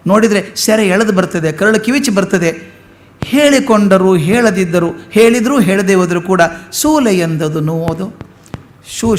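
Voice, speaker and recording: Guy lecturing on poems, high voice, slow recitation then quick plain explaining. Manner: recites verses slowly, then explains them in quick conversational asides.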